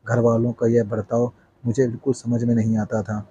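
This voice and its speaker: A male storyteller reads a scripted first-person family tale in a level, unhurried way. His voice sits dark and mellow with little rise or fall, and a faint hiss lies under the recording. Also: mid-range voice, monotone, lo-fi sound.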